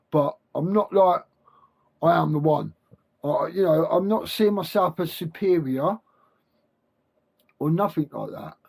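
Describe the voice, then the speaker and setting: Male self-help vlogger, slightly high voice, toothless gummy articulation, halting and repetitive informal monologue. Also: darkish tone. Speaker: self-help video creator. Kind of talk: rambling spiritual monologue to camera.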